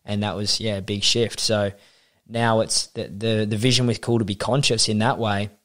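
A man's voice: fairly low pitch, level tone, normal speed, a bit bright. A young adult Australian man, a coach and podcast guest, chatting casually and acting out quoted remarks as he tells his story. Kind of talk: casual interview chat.

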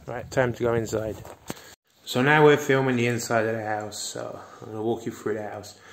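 Walking around rural land and then through a farmhouse, a gravelly man chats and points things out in a casual property-tour vlog shot on a phone held at arm's length. His mid-range voice is flat in delivery and moderate in pace.

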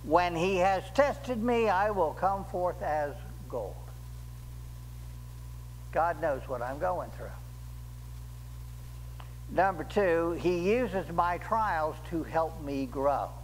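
An older male pastor delivers a sermon at a slow, measured pace, his fairly high voice lifting sharply on the words he stresses. He speaks from a pulpit in a church sanctuary. The sound carries a long hall reverb and a faint background hum. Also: lively intonation, faint music behind. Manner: slow, deliberate preaching with emphatic rises on key words.

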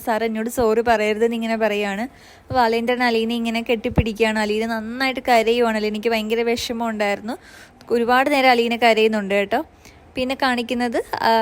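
A woman narrating a casual, chatty recap of a TV serial episode, talking to the listener in a conversational way with friendly tag words. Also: fairly high pitch. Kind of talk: casual spoken story recap.

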